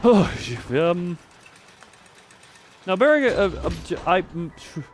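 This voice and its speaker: His voice sits high and sounds animated, though his pace is slow, and there's a little hiss or hum in the recording. He's a live streamer commenting casually on gameplay, rambling playfully with exclamations and silly sound effects.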